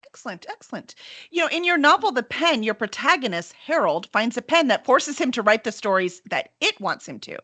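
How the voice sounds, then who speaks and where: Upbeat and playful, this woman hosts an interview podcast as its editorial director, opening with a scripted intro before sliding into casual chat laced with mock-serious jokes. She speaks fairly quickly in a sing-song, slightly high voice that's pushed and bright, recorded with no room sound.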